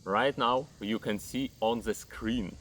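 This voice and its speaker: A Ukrainian man in his thirties, a fitness coach, gives a slow, measured lesson to camera in English, his second language, with a Ukrainian accent and non-native grammar. He lists items one at a time in a medium-pitched, fairly bright voice, with a little hiss or hum audible.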